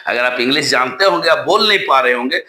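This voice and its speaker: A man from Bihar teaching a spoken English lesson to students, often calling them children and repeating drill phrases slowly. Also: medium pitch, animated, bright, forceful tone, roomy sound. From Bihar, India.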